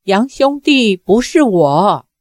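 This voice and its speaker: A timid, childlike young woman pleads in a high, fearful voice, slow and hesitant, as a woman narrator puts her on. The voice sounds close and dry, with no room around it. It belongs to an audiobook telling. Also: lively intonation, a little mellow, no echo. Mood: frightened. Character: simple-minded young woman, frightened and childlike.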